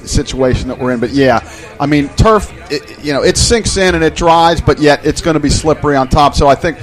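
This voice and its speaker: A man's voice: fairly high pitch, a little fast. A man giving color commentary on a college football radio broadcast, talking in loose, conversational sentences full of "you know". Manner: conversational, rambling with fillers.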